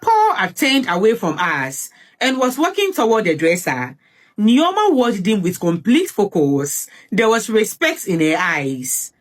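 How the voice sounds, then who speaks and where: Slow, dramatic female storyteller. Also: mid-range voice, huge pitch swings. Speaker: narrator. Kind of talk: first-person dramatic story narration.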